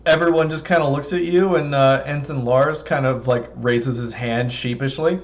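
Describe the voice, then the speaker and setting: A man's voice: mid-range voice, steady tone, moderate pace. A man narrating as game master of a tabletop role-play, loose and full of fillers.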